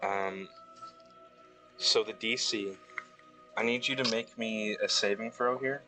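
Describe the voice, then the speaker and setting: A man narrating as game master of a tabletop game, describing scenes slowly with fillers, music playing behind. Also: lowish voice, steady tone, low-quality recording. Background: background music.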